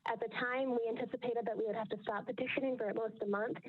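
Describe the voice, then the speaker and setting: A woman calling in over a phone line, reading a prepared statement in a steady, measured way. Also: on the high side. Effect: heard over a phone line. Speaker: caller giving public comment. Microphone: telephone. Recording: tinny, clipped phone line.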